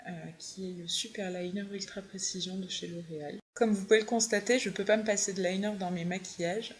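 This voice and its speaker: Young woman, makeup tutorial voice-over, chatty, mid-pitched. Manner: chatty, fond of her favorite products. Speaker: beauty vlogger.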